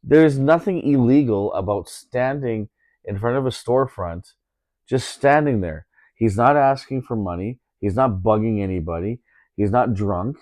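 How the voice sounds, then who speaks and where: A man's voice: mid-range voice, moderate pace, a little mellow, no room sound. A man recounts a story in an easygoing talk-show chat, growing indignant and circling back on his points. His voice sits in an ordinary middle register. The sound is close and dry. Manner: indignant, repeats himself, many fillers.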